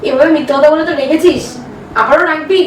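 A woman's voice: high voice, quick pace. A young woman from Bengal, co-host of a prank channel, arguing in a heated, accusing, emotional way during a staged couple prank. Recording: echoey room, distant mic, background noise.

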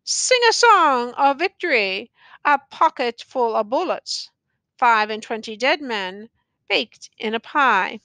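A wounded soldier sings a mocking victory rhyme in a thin, quavering sing-song, as a woman narrator puts him on. Her reading is slow and bright, with a close, dry sound. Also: a little high, lively intonation, no echo, full character voice. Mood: mock-merry. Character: wounded male soldier singing mock drum-major doggerel.

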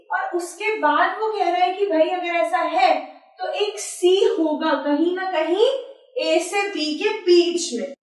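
High-voiced woman teaching maths. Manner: chatty, addresses students informally with "yaar". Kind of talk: casual whiteboard lecture. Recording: echoey room, voice from far off.

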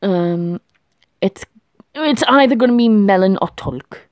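A woman vlogger thinks aloud casually while working through a language quiz, her slow, unhurried voice swinging up and down in pitch. She's animated, chatting to herself and laughing often, and the sound is dry and close with no echo.

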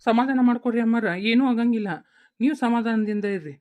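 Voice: medium pitch, steady tone, fairly quick, darkish tone, dull audio, lightly acted. A voice actor doing a soothing village man. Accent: North Karnataka Kannada. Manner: soothing, reassuring. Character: calm reassuring village man, helpful elder.

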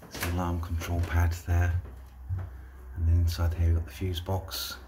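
English man, deep and monotone, casual phone walkthrough of a property, faint background hum. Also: normal speed. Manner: plain, matter-of-fact listing of features. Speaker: property seller giving a walkthrough. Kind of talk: casual property tour narration. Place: empty rooms of a shop building, indoors. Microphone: handheld phone, walking.

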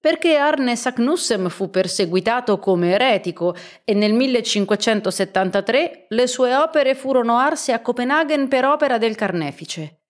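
A woman's voice: on the high side, animated, moderate pace, pitched above the performer's own voice, lightly acted. A woman reading as a courteous learned professor. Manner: polite, explanatory.

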